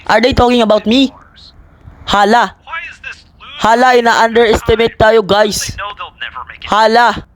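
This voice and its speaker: A young Filipino man giving playful, excitable commentary while playing a game. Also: extremely high pitch, takes it slowly, long pauses. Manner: excitable, playful, switches between Tagalog and English. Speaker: gaming content creator. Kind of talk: casual gameplay commentary. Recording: faint game music behind.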